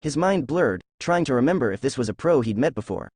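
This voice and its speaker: A man reading a fan fiction story aloud in a steady storytelling voice. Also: mid-range voice, a little fast, breathy edge, no room sound, clean studio sound. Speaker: narrator.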